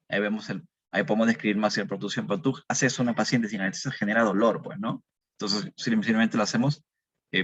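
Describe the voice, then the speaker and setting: A man delivers a medical lecture, his voice sitting low. He poses questions to his students and answers them himself, repeating the figures. The recording sounds dull and dry, with no room echo. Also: fairly bright tone. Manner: explanatory, repeats key numbers, asks and answers own questions.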